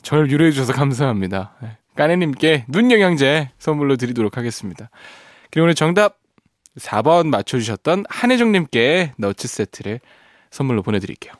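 Lively, playful male radio DJ. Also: mid-range voice, fairly quick, no room sound, studio quality. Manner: playful, laughs often, strains voice singing a line. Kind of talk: radio show chat with listener texts. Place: radio studio.

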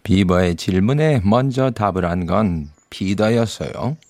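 A man's voice: on the low side, unhurried, noisy background. A man narrating a storybook as the storyteller, in scripted narration.

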